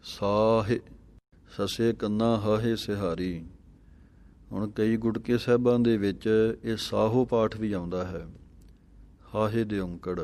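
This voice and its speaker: Male recitation teacher, low steady voice, slow and careful delivery. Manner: chants verses slowly, then explains spelling in a measured tone. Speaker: scripture pronunciation teacher.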